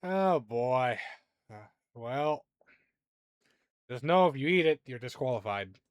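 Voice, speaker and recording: A man voicing a gruff male beam master who barks out the rules of a fantasy carnival tightrope game. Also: mid-range voice, dry recording, clean studio sound, lightly acted. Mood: weary. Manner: brisk rule-listing barks.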